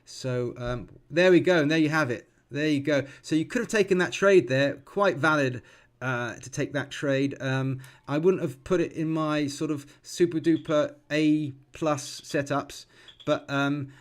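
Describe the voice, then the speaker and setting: Man giving calm live trading commentary. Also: fairly high pitch, measured pace. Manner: thinks aloud with many ums and self-corrections; calm, explanatory, teaching as he watches. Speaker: futures trader streaming live.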